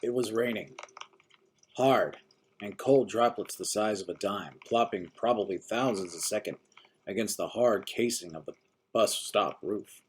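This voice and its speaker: A man's voice: fairly low pitch, unhurried, slight background noise. A man reading a short story aloud, narrating steadily and voicing its characters. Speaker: story reader.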